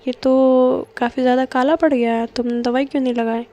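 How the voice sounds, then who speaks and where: A woman's voice: high-pitched, flat delivery, brisk, dark tone, lightly acted. A woman voicing a caring, doting middle-aged mother-in-law in a Hindi storybook reading. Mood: affectionate. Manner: caring, teasing.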